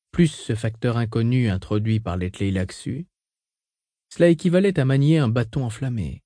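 A man reads a novel aloud in an even, measured way. His voice is mellow and rather dark, recorded close and dry with no room sound. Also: medium pitch, no echo. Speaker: audiobook narrator. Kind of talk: scripted narration.

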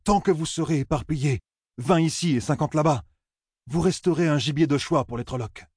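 A man reading an audiobook, voicing an earnest, forceful young village man who urges others with pleading, husky speech. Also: fairly high pitch, fairly quick, no echo, clean studio sound, pitched above the performer's own voice. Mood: urging. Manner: pleading, urgent persuasion.

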